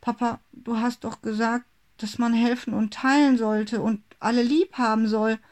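Reader voicing a rabbit boy, young, eager, kind, higher voice, storybook. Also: steady tone, normal speed, lightly acted. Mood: earnest. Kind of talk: storybook reading.

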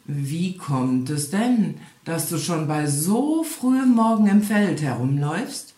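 A woman voicing a haughty, mocking male hare in a storybook reading, loud and drawn out. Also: fairly low pitch, big pitch swings, a little slow. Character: scornful haughty male hare, fast runner. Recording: echoey room.

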